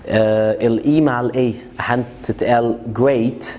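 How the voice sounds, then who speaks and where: A man with an Egyptian Arabic accent giving a casual pronunciation lesson, repeating example words slowly and checking in with the learner. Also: medium pitch, fairly even intonation, darkish tone. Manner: chatty, asks learners questions. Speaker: English teacher.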